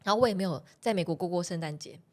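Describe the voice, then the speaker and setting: A woman's voice: lowish voice, racing. Laughing woman telling stories. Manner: animated, laughs often while telling stories. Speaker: podcast guest. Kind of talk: casual storytelling chat.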